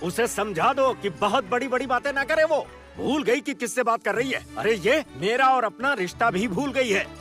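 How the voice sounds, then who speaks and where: An actor playing a proud, short-tempered landowner and head of the house, shouting orders and indignant complaints in a TV serial. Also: male voice, very high-pitched, expressive, moderate pace, faint music behind. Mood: irate.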